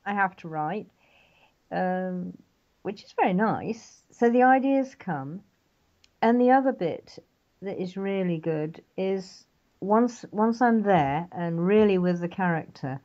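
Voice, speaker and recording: A woman's voice: medium pitch, lively intonation, takes it slowly, darkish tone. An older woman from England, an author guest, chatting animatedly in an interview and often laughing. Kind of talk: casual interview chat. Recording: dull lo-fi internet radio audio.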